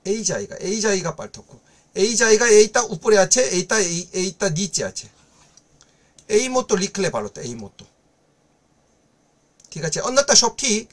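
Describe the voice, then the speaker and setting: A man from South Korea with a Korean accent, a native Korean speaker, teaching a language lesson online in slow, halting explanations full of fillers. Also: high-pitched, very animated.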